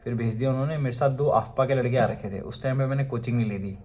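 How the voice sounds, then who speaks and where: A man's voice: mid-range voice, fast talker, darkish tone. Young Indian man, conversational storyteller, loose and chatty, filler-heavy delivery. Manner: chatty, many fillers and asides. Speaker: vlogger. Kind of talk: casual storytelling.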